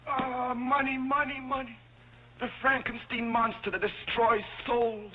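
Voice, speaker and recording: An actor playing a pompous, theatrical male protégé in a melodramatic, raspy voice, from a dull 1930s film soundtrack. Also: medium pitch, expressive, fast talker. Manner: grandiose and melodramatic.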